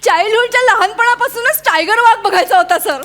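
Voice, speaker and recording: A woman's voice: very high-pitched, fairly quick, a bit bright. A woman playing a naive, overexcited female tourist in a stage comedy skit, giggling and mixing English words into her speech. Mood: giggly naive.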